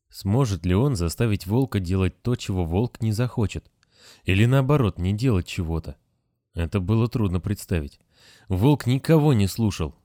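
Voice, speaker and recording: A man narrating an audiobook in an expressive storytelling manner. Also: lowish voice, dry recording, clean studio sound. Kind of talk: scripted narration.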